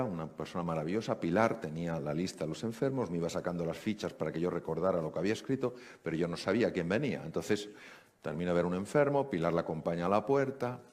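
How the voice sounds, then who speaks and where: A man's voice: sits low, darkish tone. A man with a Spain Spanish accent, a doctor telling a story in a talk and acting out the dialogue with animation.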